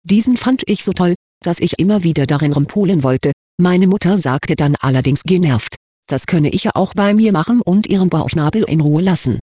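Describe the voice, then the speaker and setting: A man with a husky voice reading an anonymous confession aloud in an even, matter-of-fact way. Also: sits high, moderate pace, dry recording, studio quality.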